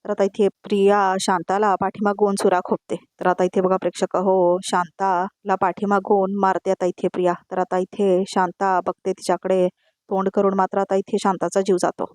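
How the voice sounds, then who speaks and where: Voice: mid-range voice, level tone, normal speed, a little mellow, no echo, clean studio sound. A voice-over narrator retelling a TV serial episode, addressing viewers repeatedly and piling up scene descriptions.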